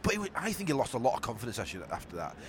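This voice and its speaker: A man's voice: mid-range voice, huge pitch swings, rapid-fire. A man with a Yorkshire accent hosting a football podcast outdoors, mixing blunt, teasing banter with casual live match commentary. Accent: Yorkshire English. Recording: outdoor football ground, traffic and ambient noise.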